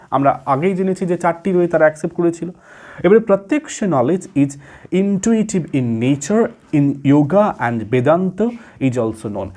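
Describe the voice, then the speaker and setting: A male teacher gives an exam-prep lecture from home, slowly reading English definitions and then explaining them in faster speech full of fillers. His voice sits on the higher side, with a somewhat dark tone.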